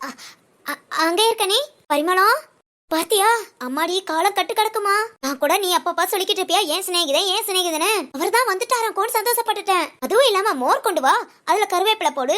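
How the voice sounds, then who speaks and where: A woman's voice: extremely high pitch, expressive, a little fast, pushed and bright, heavily acted. A woman voicing a chatty, teasing woman friend at an ashram who scolds and gossips. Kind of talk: audio story dialogue.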